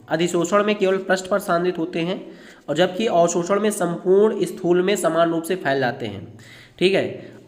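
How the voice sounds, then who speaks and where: A man teaching a chemistry lesson, dictating answers and repeating phrases slowly so students can write them down. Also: high voice. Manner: repeats phrases slowly for note-taking, addresses students as children. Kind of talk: classroom lecture dictating answers. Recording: echoey room.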